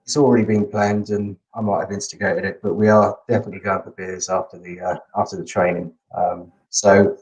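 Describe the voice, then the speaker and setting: Guy with a lowish voice being interviewed, keen and earnest, chatty. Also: little pitch movement, fairly quick, few pauses, a little mellow, muffled recording. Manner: enthusiastic, earnest. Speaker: guest, visually impaired rugby player. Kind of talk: casual interview chat.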